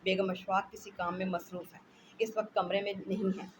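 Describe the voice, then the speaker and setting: Bedridden husband, irritable, complaining, exasperated, read by a woman, louder lines, faint hiss. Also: mid-range voice, little pitch movement, brisk, natural voice. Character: sick, irritable husband in bed.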